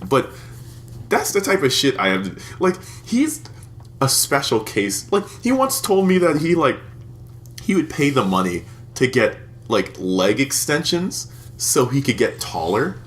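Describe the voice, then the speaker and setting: A man's voice: medium pitch, big pitch swings, unhurried, fairly bright tone, slight background noise. A man in his twenties co-hosting a podcast, telling crude stories in a rambling, casual way and laughing often. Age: 20s. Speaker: podcast co-host. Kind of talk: casual chat.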